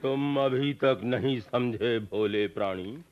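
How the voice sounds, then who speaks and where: A man's voice: mid-range voice, slow pace, lightly acted. A man playing a solemn, mocking male messenger of death in a radio comedy play, lordly and chuckling. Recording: dull radio recording.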